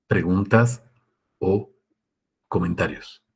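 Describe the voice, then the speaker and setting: A man's voice: deep voice, slow, slightly rough. Conversational preacher man. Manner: conversational, asks listeners often, acts out quotes. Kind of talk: sermon with live Q&A.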